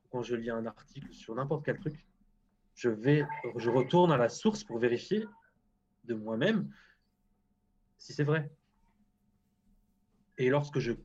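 A man's voice: mid-range voice, a little mellow, slightly rough, lo-fi sound. A man speaking as a guest scientist in a casual interview, frank and hesitant, often restarting his sentences.

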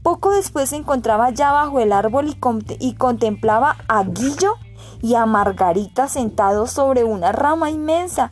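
A woman narrating a storybook with even, clear delivery, faint music behind her. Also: fairly high pitch, normal speed. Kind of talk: storybook reading.

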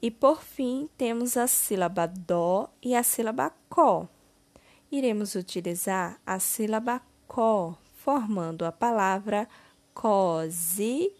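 A primary school teacher with a Brazilian Portuguese accent narrates a children's exercise in a mid-range voice. She stretches each word slowly and deliberately, syllable by syllable, so the lesson comes across clearly.

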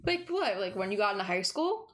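A young woman in her twenties hosts a podcast in a loose, chatty way, laughing often and dropping casual swears. Her pitch sits in the middle for a woman, with a faint hiss of noise behind her. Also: big pitch swings, fairly quick, fairly bright tone. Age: 20s. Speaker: podcast host. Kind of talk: casual sibling banter.

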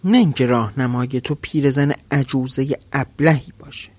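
A man narrating a classic tale for a podcast, changing his delivery for the characters he quotes. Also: no echo. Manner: animated, shifts pitch and loudness for quoted speakers. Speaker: podcast storyteller. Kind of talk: storytelling narration.

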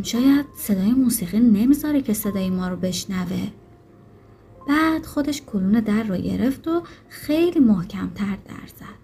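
A woman reading a novel aloud with a mellow, fairly high voice. She keeps a steady, even storytelling pace, with faint music in the background. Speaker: audiobook narrator. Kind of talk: audiobook narration.

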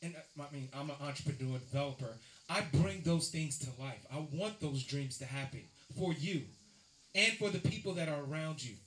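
A man hosting a live panel event and taking audience questions, talking in an animated, exclamatory way. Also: on the high side, moderate pace. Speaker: event host and moderator. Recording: echoey event room.

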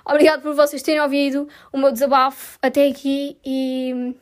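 A woman's voice: high-pitched, level tone, normal speed. A young woman with a European Portuguese accent hosting a casual podcast, venting her frustration with swearing and sarcasm. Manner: exasperated, swears a lot, sarcastic. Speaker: podcast host.

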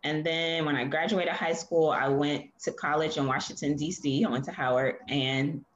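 A woman's voice: deep voice, steady tone, moderate pace, a little hiss or hum. Chatty woman in an echoey room. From Philadelphia, USA. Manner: chatty, lots of "like" and "um". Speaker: guest. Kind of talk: casual interview conversation. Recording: echoey room, dull lo-fi sound.

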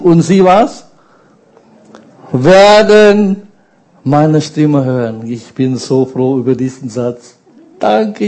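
A man preaching a sermon, slow and emphatic, often asking the congregation questions. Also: a little high, mellow, rough recording.

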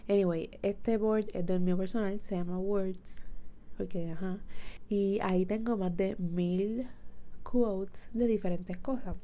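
A woman's voice: fairly low pitch, creaky, dark tone. A young adult woman talks casually as a podcast host, mixing English words and phrases into her in an informal Spanglish. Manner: informal, conversational, with slangy asides. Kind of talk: casual solo podcast talk.

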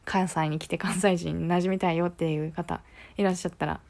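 A woman's voice: fairly low pitch, steady tone, fairly quick, darkish tone. A woman with a Kansai accent chatting casually on her own, playful and musing aloud, switching between English and Japanese. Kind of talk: casual solo talk, mixing English and Japanese.

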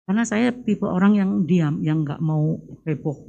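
A woman guest calmly sharing a personal story in a soft-spoken, resigned way. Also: fairly low pitch, moderate pace, gravelly, dull audio, soft background music.

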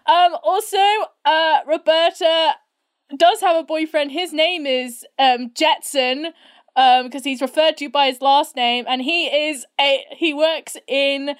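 High-voiced woman recording under a blanket. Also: fairly even intonation, slow pace. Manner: chatty, giggly, rambling. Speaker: podcast co-host. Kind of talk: casual chat. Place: her own room, under a blanket held up by a lamp. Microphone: phone propped on a tissue box.

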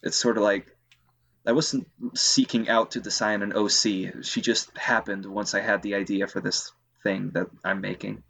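A man's voice: fairly low pitch, flat delivery, normal speed, vocal fry, a bit bright, breathy edge. A man chatting casually on a podcast, hesitant, with many fillers and restarts. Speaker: co-host.

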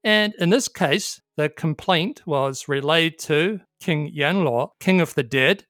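A storyteller narrating a folk tale at a steady, measured pace, with a mid-range voice. They sometimes pause to explain the background. The recording is dry and close. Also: medium pitch, dry recording.

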